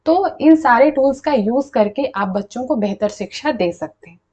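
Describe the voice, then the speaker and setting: A woman's voice: high voice, expressive, moderate pace, dark tone. A young woman teaching an exam-prep lesson, explaining patiently and checking in with listeners as she goes. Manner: explanatory, repeats "thik hai" to check in.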